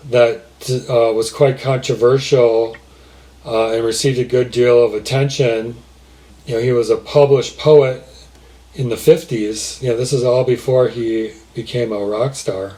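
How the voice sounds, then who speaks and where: A man co-hosting a podcast, speaking in a relaxed, measured way while reading out facts. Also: medium pitch. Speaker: podcast co-host. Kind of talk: casual chat.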